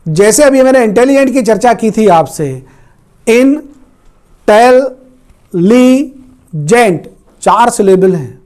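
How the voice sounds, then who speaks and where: A man teaching English grammar in Hindi, repeating each example word slowly for learners. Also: sits high, a little mellow. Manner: slow, repeats words for learners. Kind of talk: Hindi-language grammar lesson.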